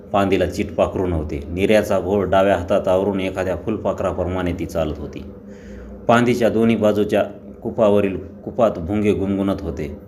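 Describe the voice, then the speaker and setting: A man reading a short story aloud in a steady, deliberate way, with the odd small restart. His voice sits very low. A faint noise hums under the reading. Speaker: story narrator.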